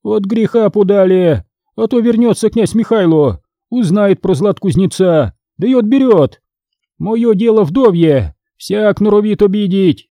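A man's voice: animated, a little slow, mellow, no room sound, studio quality. A man voicing a greedy, widowed old-time noblewoman who shrieks and commands. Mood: scheming. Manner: shrieking, shrill, imperious.

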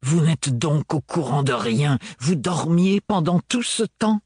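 A man's voice: fairly high pitch, animated, slow pace, darkish tone, husky, dry recording, clean studio sound, voice pushed up, exaggerated voice. A man reading an audiobook, voicing a stern, distant man with hard intonation. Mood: angry.

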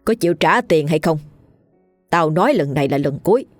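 A woman's voice: sits low, expressive, a little fast, no echo, soft background music. A woman voicing a harsh, wealthy older moneylender woman who speaks curtly and threateningly. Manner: curt, threatening.

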